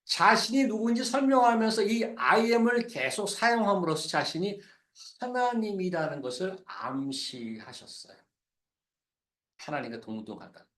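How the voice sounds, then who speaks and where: A man preaching to his congregation, stopping to ask them questions and dropping English words into his talk. His voice sits high and swings widely in pitch. The sound rings with the echo of a church hall. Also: very animated, unhurried, fairly bright tone. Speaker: pastor. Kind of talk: sermon.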